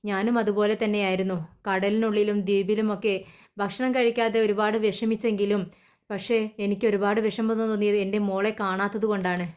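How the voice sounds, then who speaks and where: A woman's voice: medium pitch, flat delivery, a little fast, a little mellow, clear, resonant tone. A woman narrating a recap of a TV serial episode in Malayalam, often restarting and correcting herself as she goes. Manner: plain retelling with frequent restarts and self-corrections. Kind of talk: voice-over retelling a TV serial episode.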